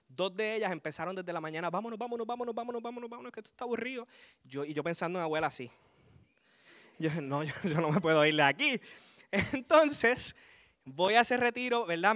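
A man, giving a lively spoken testimony to a congregation and chuckling as he tells his story. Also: a little high, clean tone.

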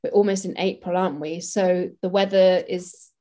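A woman's voice: on the low side, steady tone, moderate pace, dark tone. A woman, a makeup artist, talking casually and practically in an interview, with many fillers.

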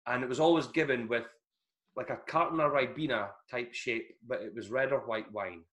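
A man, a former soldier, telling stories in a casual chat with a lively, laughing delivery. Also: mid-range voice, moderate pace. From Scotland. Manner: animated, laughing storyteller who acts out voices. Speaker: guest, ex-soldier.

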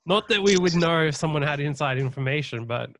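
A man's voice: a little high, expressive, a little fast, a bit bright. A man hosting a podcast in casual sports betting banter, teasing and swearing freely. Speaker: podcast host.

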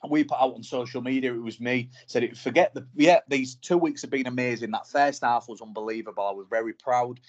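A man, co-hosting a casual rugby league podcast, talking in an animated, frustrated fan's way. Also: mid-range voice, brisk, few pauses. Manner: animated, frustrated fan talk. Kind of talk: casual sports chat.

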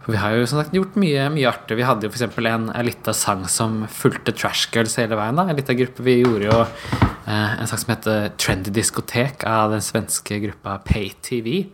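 A man in a relaxed, chatty conversation about his drag group's past. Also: fairly low pitch, a little hiss or hum. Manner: relaxed, chatty, sprinkled with laughs. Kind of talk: casual chat.

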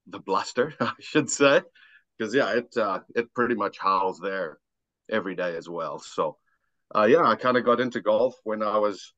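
This podcast guest, an amateur golfer with a South African accent, shares personal stories in relaxed, self-mocking chat. His voice sits lowish with a fairly bright tone, and the dull, lo-fi recording is dry with no room sound.

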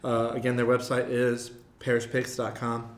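A man's voice: mid-range voice, monotone, normal speed. A man hosting a casual chat, joking, laughing often and restarting his sentences. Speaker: podcast host. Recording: echoey room.

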